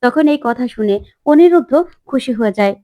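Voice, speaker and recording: A woman's voice: on the high side, lively intonation, fairly quick, dark tone, dry recording, studio quality. A woman retelling a TV serial episode as a story, reading every character's lines herself. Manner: reads all characters' lines herself, voices slightly shifted. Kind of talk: storytelling recap with acted dialogue.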